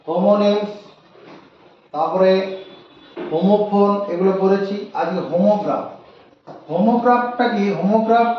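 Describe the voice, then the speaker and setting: A man teaching a lesson, spelling words out letter by letter and repeating them slowly. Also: high voice, slight background noise. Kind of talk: slow spoken lesson. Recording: echoey room, distant, dull lo-fi mic.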